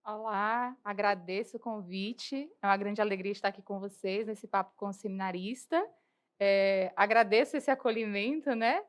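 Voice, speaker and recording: A woman's voice: medium pitch, fairly even intonation, moderate pace. Earnest young Bahian woman, interview guest. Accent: Bahian Portuguese. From Bahia, Brazil. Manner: earnest, articulate, frequent tag questions. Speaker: guest, lay church worker and lawyer. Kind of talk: podcast interview.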